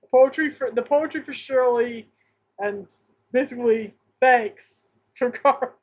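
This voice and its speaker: Woman co-host, casual chat, laughs a lot, fairly high voice. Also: unhurried, breathy edge. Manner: laughs often, enthusiastic. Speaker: podcast co-host.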